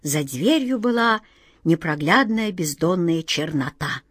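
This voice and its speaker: A woman's voice: on the low side, lively intonation, a little slow, husky, dry recording, clean studio sound. Woman reading a children's storybook aloud. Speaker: narrator. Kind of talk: scripted storybook narration.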